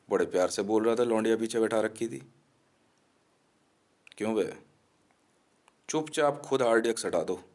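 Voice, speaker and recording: A man's voice: lowish voice, a little mellow. A man delivering a threatening, abusive rant to the camera in an aggressive, mocking manner.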